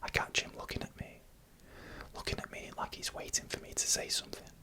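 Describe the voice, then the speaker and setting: In a slow, suspenseful cadence, this narrator whispers eerie stories in a breathless, unvoiced ASMR manner very near the microphone.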